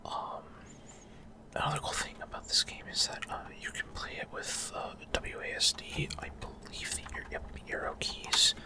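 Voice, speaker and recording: Whispering breathily right up against the mic, a man hosting a gaming ASMR video rambles casually through his gameplay commentary at a normal speed. He often seems unsure of the details and feels his way through each explanation.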